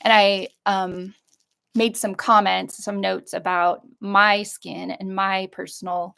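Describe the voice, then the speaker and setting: A middle-aged woman with a creaky voice, chatting casually through an unboxing in a rambling, hesitant way. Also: mid-range voice, flat delivery, slow, fairly bright tone. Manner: rambling, hesitant, trailing off and circling back. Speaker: vlogger showing a shopping haul.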